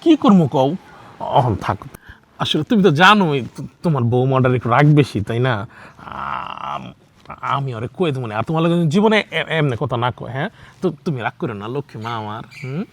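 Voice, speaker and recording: A man's voice: medium pitch, animated, fairly quick, gravelly. An actor playing a meek young son torn between mother and wife, stammering and coaxing, in a TV drama. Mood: pleading. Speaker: son and husband. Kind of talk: TV drama acting.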